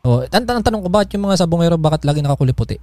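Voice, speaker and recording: A man on a podcast in casual chat, asking curious questions and giving quick short replies. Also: on the high side, expressive, darkish tone, no echo, faint music behind. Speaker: podcast co-host.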